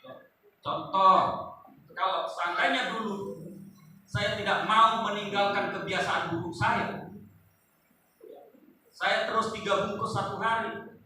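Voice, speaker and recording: A man preaches, his voice unusually high and bright with a sharp edge. He swings between loud, rising calls and quiet asides to his congregation. The sound is very echoey and distant, like a mic picking him up from far across a big church hall. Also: fairly even intonation, slow, pauses often, slight background noise. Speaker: pastor. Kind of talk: sermon.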